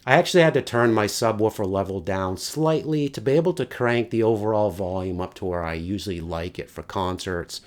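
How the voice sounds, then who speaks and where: Deep-voiced man reviewing a concert video. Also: fairly quick, few pauses. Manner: casual, wry, occasional laughs and mild swearing. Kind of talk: casual review narration.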